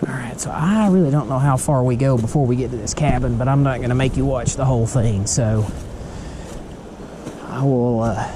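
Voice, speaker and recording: A man's voice: mid-range voice, normal speed. A man vlogging a hike on a forest trail, talking to viewers in a wry, chatty way as he walks with his phone in hand. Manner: chatty, wry, talks to viewers while walking. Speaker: hiking vlogger. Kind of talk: casual narration while hiking. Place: outdoor forest trail by a creek. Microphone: handheld phone. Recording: outdoor wind and creek noise.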